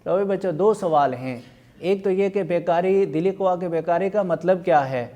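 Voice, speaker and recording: Guy teaching online, slow careful dictation, bit high-pitched, dark mellow tone. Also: dull audio. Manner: slow, careful dictation of words and vowel marks; repeats words to drill pronunciation. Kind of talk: online Urdu lesson.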